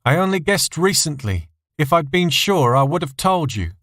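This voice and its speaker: Man acting a guilt-ridden, stammering man, raised pitch. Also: very animated, normal speed, fairly bright tone, no room sound, studio quality. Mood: defensive, pleading. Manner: hesitant, stammering. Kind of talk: acted dialogue in an audio story.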